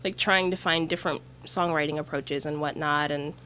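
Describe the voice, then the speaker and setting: A woman's voice: low voice, fairly even intonation, normal speed, pushed and bright, slight background noise. A woman guest musician talking casually in a radio interview, chatty, with lots of fillers. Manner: chatty, laughs often, many fillers. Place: radio studio.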